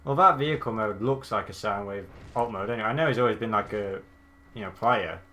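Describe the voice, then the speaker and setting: A man's voice: on the low side, a little fast, sharp tone, a little hiss or hum. A young man hosting casual gameplay commentary, joking and laughing often as he plays. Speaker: gaming channel host.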